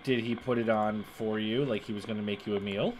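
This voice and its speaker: A man's voice: fairly low pitch, fairly even intonation, brisk, slight background noise, rough recording. A middle-aged man giving casual, sardonic, sweary gameplay commentary on a stream. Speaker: game streamer. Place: indoor streaming setup. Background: game music.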